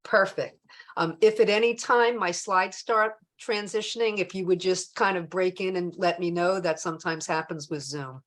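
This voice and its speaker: A woman in her sixties, the guest speaker, opening her presentation over a video call in a relaxed, chatty way. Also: on the low side, moderate pace.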